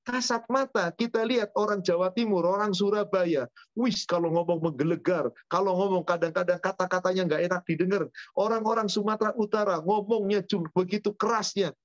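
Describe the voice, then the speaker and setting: A man's voice: sits high, steady tone, fairly quick, no echo. A man teaching at a religious study session, answering questions with rhetorical questions and spoken lists. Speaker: Islamic teacher. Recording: dull dry lo-fi sound.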